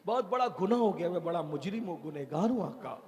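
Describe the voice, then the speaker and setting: A man's voice: high voice, lively intonation, brisk, a little mellow. A male preacher voicing a remorseful young man who weeps and pleads as he confesses his sins. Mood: pleading. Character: remorseful young male grave robber, weeping and ashamed. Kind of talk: emotional sermon storytelling.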